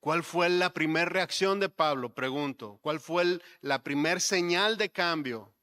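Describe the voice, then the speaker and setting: A male pastor preaching a sermon, building to emphatic points and dropping to soft, low asides. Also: a little slow. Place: church sanctuary.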